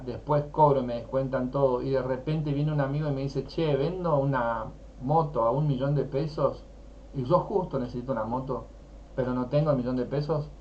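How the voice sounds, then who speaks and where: A man with a Rioplatense accent teaching personal finance, speaking emphatically and asking rhetorical questions while nursing a sore throat. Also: mid-range voice. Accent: Rioplatense Spanish. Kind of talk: teaching talk. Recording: dull lo-fi with faint noise.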